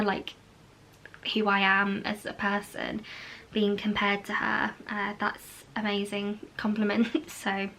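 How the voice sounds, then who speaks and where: A woman talks casually to camera about her books, indoors under a ring light. She rambles along with many fillers at an ordinary pitch. A faint noise sits under her voice. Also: a bit bright, poor audio. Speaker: book vlogger and indie author. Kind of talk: casual chat.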